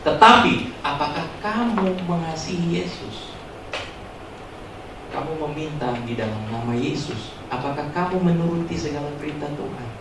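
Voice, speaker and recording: A man preaching a joking, animated youth sermon as pastor, acting out loud prayers, in a church hall recording heard from far off. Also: on the high side, moderate pace, background noise.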